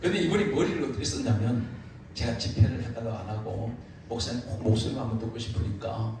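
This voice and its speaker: Animated male preacher in an echoey hall. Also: mid-range voice, quick pace. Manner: animated, laughing through his anecdotes. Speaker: guest revival preacher. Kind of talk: humorous revival sermon storytelling. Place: church sanctuary. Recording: echoey church hall, distant mic, room noise.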